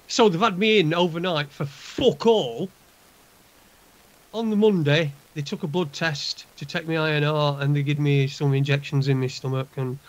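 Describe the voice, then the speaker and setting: Gruff Northern English man on lo-fi call. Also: fairly high pitch. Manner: heavy swearing, blunt, aggrieved. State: unwell, recovering from a hospital procedure. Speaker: guest calling in. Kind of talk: casual chat, venting. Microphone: internet voice call. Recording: dull lo-fi internet call.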